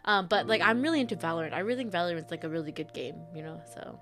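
A woman's voice: fairly low pitch, lively intonation, rapid-fire, a bit bright, faint music behind. Giggly young woman, casual gaming chat. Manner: giggly, loose and chatty, swears casually.

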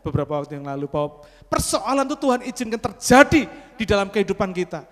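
A man's voice: sits high, very animated, quick pace. A man preaching a sermon, telling a story with dramatic bursts and constantly addressing the congregation. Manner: dramatic storytelling with sudden loud exclamations. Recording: long hall reverb.

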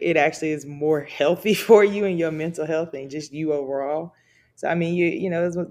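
A man talking reflectively in a casual podcast chat, often restarting his sentences as he thinks. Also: on the high side. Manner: thoughtful, self-correcting restarts.

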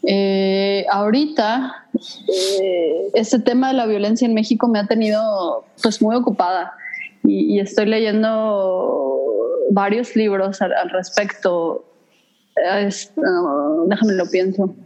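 A woman from Mexico City speaks in a relaxed, unscripted chat with a Mexico City accent. She talks thoughtfully and searches for her words, filling pauses with hesitant little sounds. Her pitch sits in the middle of a woman's range. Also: lo-fi sound. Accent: Mexico City Spanish. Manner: thoughtful, hesitant, many fillers. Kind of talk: casual conversation.

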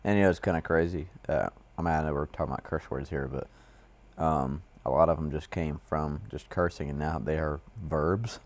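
A man's voice: extremely low pitch, moderate pace. A man co-hosting a casual faith discussion, rambling with lots of fillers. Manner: rambling, full of "you know" fillers. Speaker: co-host.

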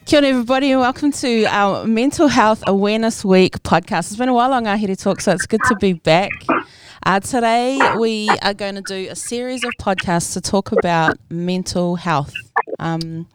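A woman with a New Zealand accent hosting a casual podcast chat in a relaxed, friendly way, with plenty of ums. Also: mid-range voice, moderate pace, very noisy. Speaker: podcast host.

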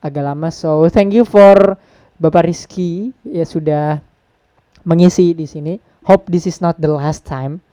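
A man hosting a casual podcast, relaxed and mixing English phrases into his talk. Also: a little high, unhurried, dry recording. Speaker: podcast host.

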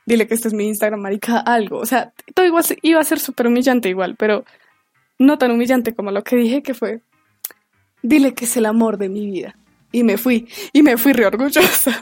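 A Colombian woman in her twenties tells stories in a chatty, slangy way for a casual podcast. Her voice sits a little high, and she jumps higher still when she acts out quotes. The sound is dry and close, with faint music underneath. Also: a little mellow, dry recording. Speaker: podcast host.

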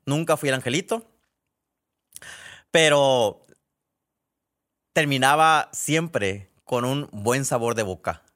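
Speaking slowly with long pauses, a Mexican-accented man hosts a podcast and tells stories casually, wandering off on tangents and fixing his words mid-sentence. His pitch is medium and his tone a bit bright.

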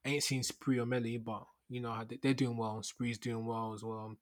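A man's voice: mid-range voice, little pitch movement, normal speed. Young london guy w roadman accent, chatting casually solo on his podcast, loads of slang. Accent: London, Multicultural London English. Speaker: podcast host.

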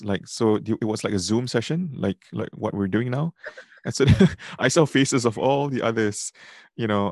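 A man's voice: on the low side, darkish tone, dry recording, clean studio sound. A man from Singapore with a Singaporean accent, hosting a conversational podcast. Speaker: podcast host.

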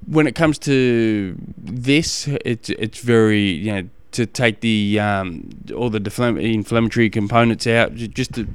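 On the low side with a clean tone, a man with an Australian accent hosts a podcast offering casual coaching tips. His explanations are halting, full of repeated phrases, and the sound carries no echo.

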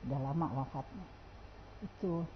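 A woman's voice: low voice, normal speed, highs cut off, a little hiss or hum. A woman, telling a story as an interview guest and acting out what people said in different voices. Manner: lively, acts out quoted dialogue with shifting voices. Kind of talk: animated storytelling.

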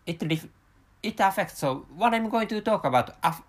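A man from Japan in his thirties, hosting a solo podcast, rambles in English, his second language, with a Japanese accent. His voice sits high and is expressive, and he often halts, restarting and repeating words.

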